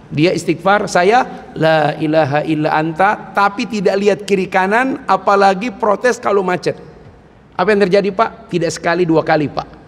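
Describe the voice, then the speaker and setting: A man preaching at a mosque, telling animated stories with jokes and frequent exclamations. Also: high-pitched, vocal fry. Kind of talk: lively mosque sermon. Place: mosque hall. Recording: long mosque reverb.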